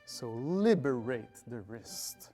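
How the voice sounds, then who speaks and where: Speaking slowly but with animation, a man with a medium-pitched voice talks over music. He's an orchestra conductor and artistic director, using examples and analogies to explain things in his interview answers.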